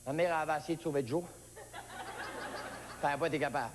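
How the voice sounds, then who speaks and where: A man's voice: steady tone, fast, in a large hall, background noise. A man with a Québécois accent performing a comic monologue, telling a childhood story and acting out its characters. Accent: Québécois French. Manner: storytelling, acts out characters with high yelps. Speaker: stand-up comedian.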